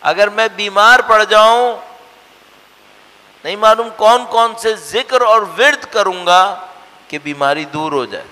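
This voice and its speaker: A man giving a religious lecture, earnest, asking rhetorical questions and swinging between emphatic and hushed lines. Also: sits high, a little slow. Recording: long hall reverb.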